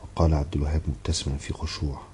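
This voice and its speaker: Audiobook narrator: low, very dark man, expressive and dramatic, faint hiss under the voice. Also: rapid-fire. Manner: dramatic, heated in dialogue. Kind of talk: expressive novel reading.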